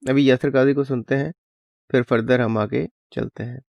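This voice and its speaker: A man's voice: mid-range voice, steady tone, gravelly, a little mellow, no echo. Dry close-miked man explaining casually. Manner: plain conversational explaining, mixing in English words. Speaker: channel host explaining a clip.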